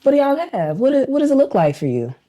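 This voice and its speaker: A middle-aged woman with a hoarse voice she has nearly lost, hosting a relaxed roundtable chat with friends in a casual, slangy way. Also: high voice, fast talker, muffled recording. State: hoarse, losing her voice. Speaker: podcast host.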